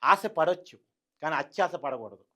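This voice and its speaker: A man with a notably high voice delivers a heated opinion monologue as a news commentator. He hammers home his points, repeating phrases for emphasis and throwing rhetorical questions at his listeners. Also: animated, moderate pace, pushed and bright.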